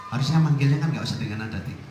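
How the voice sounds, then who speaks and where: A middle-aged man, an Islamic teacher, giving a lively parenting talk to parents in a small prayer room. He swings between loud emphasis and soft asides. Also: mid-range voice, rapid-fire. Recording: echoey room with faint ambient noise.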